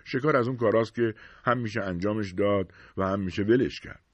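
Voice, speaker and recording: A man voicing an easygoing, friendly hunting buddy who talks in a relaxed, reassuring way, in an audiobook reading. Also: on the low side, breathy edge, no room sound.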